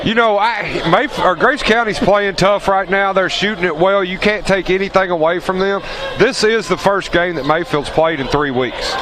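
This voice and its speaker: A man's voice: sits high, moderate pace, noisy background. Chatty man doing color commentary. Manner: relaxed, chatty analysis. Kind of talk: live basketball color commentary.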